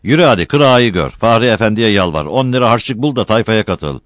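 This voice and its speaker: An angry older uncle scolds loudly, as a man voices him in an audiobook. His voice is raised and harsh. The sound is dry and close. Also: on the low side, animated, a little fast, no room sound, voice pushed up, close to an everyday voice. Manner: shouting, scolding.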